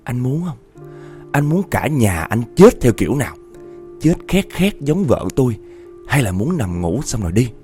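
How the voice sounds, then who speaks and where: A man's voice: medium pitch, big pitch swings, moderate pace, mellow, soft background music, natural voice. A man voicing a sinister man who speaks in a mocking, threatening way. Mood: menacing.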